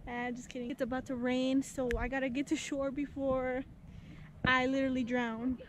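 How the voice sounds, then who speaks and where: A woman's voice: high-pitched, flat delivery, moderate pace, background noise. A young woman vlogging outdoors from a kayak on a lake, chatty and joking with frequent giggles, filmed on an action camera at arm's length. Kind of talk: casual vlog chat.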